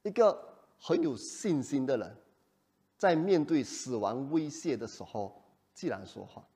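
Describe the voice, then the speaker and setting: A male pastor preaching a sermon in an animated way, often putting rhetorical questions to the congregation. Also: medium pitch, a little slow.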